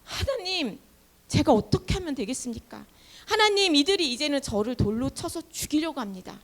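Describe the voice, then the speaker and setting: A desperate old leader crying out for help, played by a woman telling a children's Bible story. The pitch is high and leaps around with feeling. He pleads and reproaches by turns. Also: lively intonation, normal speed, a bit bright. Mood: pleading. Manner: pleading, distressed.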